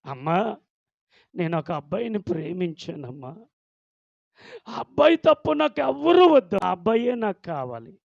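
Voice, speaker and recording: A man's voice: a little high, lively intonation, normal speed, gravelly, a little mellow, no echo, muffled recording. A man doing a young woman pleading for her love. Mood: defiant. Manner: emotional, insistent pleading.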